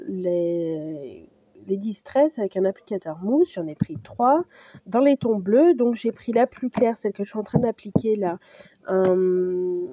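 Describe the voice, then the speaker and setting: A woman talking through a craft tutorial in a casual voice-over, hesitant, with many fillers and pauses. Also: mid-range voice, warm tone, no room sound, dull audio. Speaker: craft vlogger.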